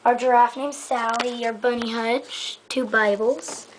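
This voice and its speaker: In a casual, rambling show-and-tell, a young female vlogger walks through her toy horse stable from her bedroom floor, speaking in a fairly high, steady voice at a slightly slow pace. "Um" and "so yeah" pepper her talk. Background noise comes through her handheld camera mic.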